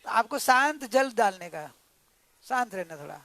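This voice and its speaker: Guy preaching a sermon, super high voice, dry close sound, keeps quizzing the audience. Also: measured pace, no room sound. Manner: animated storytelling, asks listeners questions. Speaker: spiritual teacher. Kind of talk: devotional sermon.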